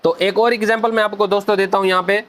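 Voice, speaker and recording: A man teaching a language lesson at a whiteboard, explaining each rule step by step and slowly repeating the syllables. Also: high-pitched, level tone, a bit bright. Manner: often addresses viewers as friends.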